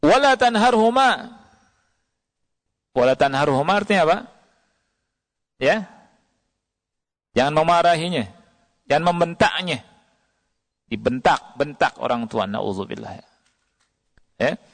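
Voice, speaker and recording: Gravelly preacher in a reverberant hall. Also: male voice, fairly high pitch, lively intonation, unhurried, pauses often. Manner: quotes Arabic verses and asks the audience questions. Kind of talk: sermon.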